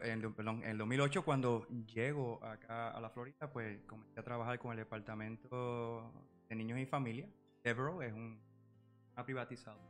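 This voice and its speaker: Man, Puerto Rican accent, 40s, podcast guest, monotone delivery, hesitant fillers, faint music behind. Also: mid-range voice. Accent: Puerto Rican Spanish. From Puerto Rico. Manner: measured, full of filler "eh" and "¿verdad?" tags. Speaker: guest, psychology professional. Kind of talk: podcast interview.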